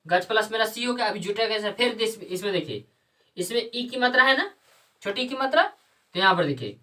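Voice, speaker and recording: A woman teacher explains a classroom lesson step by step in a medium-pitched voice that sounds pushed and bright. She asks her own questions, answers them, and repeats each step. Her voice is heard from a distance.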